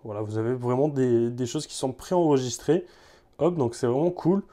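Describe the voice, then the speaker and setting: A man's voice: medium pitch, normal speed, dark tone. A man casually presenting and testing a gadget for viewers, talking loosely with many filler words and repeated words. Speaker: tech reviewer. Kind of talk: casual product demo.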